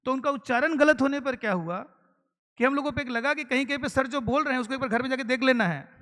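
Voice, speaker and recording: A long hall reverb surrounds a man from eastern India who is training teachers in a very high-pitched, bright, forceful voice at a quick pace. He explains step by step, mixes in English terms and keeps asking the audience rhetorical questions.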